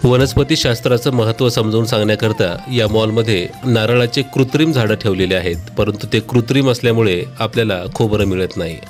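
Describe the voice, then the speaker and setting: A man in his thirties giving a scripted, deadpan comic voice-over for a travel vlog. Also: on the low side, brisk, hardly any pauses, faint music behind. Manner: deadpan wry humor.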